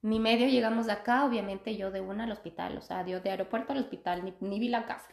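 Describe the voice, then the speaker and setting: A woman's voice: medium pitch, steady tone, fast, vocal fry. A young woman, a podcast guest, telling a personal story in casual, chatty conversation and laughing often. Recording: echoey room.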